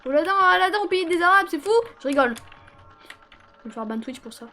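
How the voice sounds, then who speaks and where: A woman's voice: extremely high pitch, lively intonation, brisk, pushed and bright, soft background music. A French woman streaming a video game, grumbling and ranting in mock frustration at it. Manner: exasperated ranting and mock self-pity at the game. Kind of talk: live gaming stream commentary.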